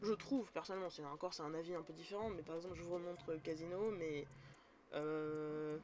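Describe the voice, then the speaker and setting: A woman's voice: low-pitched, steady tone, brisk. A woman streamer casually explaining tabletop role-playing in a rambling, self-correcting way.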